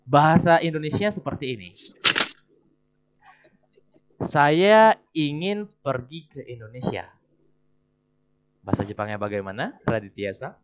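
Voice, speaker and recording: Lively male language teacher, dull audio. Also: mid-range voice. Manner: animated, explaining and coaxing students. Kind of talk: classroom instruction. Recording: dull lo-fi recording.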